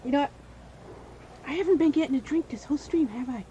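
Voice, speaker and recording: A woman streaming gameplay, her voice hoarse and wearing out, rambling and venting between comments on the game. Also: high voice, fast, mellow, dull audio, a little hiss or hum.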